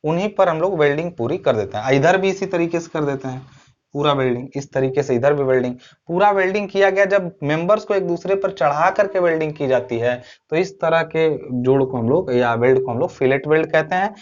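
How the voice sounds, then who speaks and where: A man's voice: fairly high pitch, brisk, lo-fi sound. A man teaching a recorded online lecture, explaining step by step, asking his own questions and answering them, and often checking in with short tag phrases. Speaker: civil engineering teacher.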